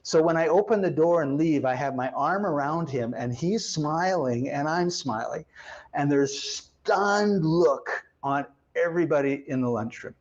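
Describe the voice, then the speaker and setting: A man's voice: fairly high pitch, unhurried, muffled recording. A man telling a workplace story in a conversational interview, acting out the voices of the people in it. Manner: animated storyteller, acts out quoted voices.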